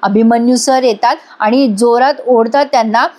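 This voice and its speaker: A woman's voice: a little high, fairly even intonation, normal speed, a little mellow. A woman narrating a chatty recap of a TV serial, addressing her viewers directly. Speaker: serial reviewer. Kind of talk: storytelling recap.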